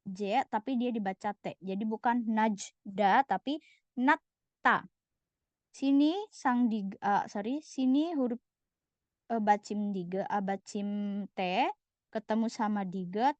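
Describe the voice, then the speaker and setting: A woman teaching a language lesson, patiently repeating each word slowly for her students. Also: medium pitch, mellow, dry recording. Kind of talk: slide-based lesson. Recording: dull, lo-fi voice recording.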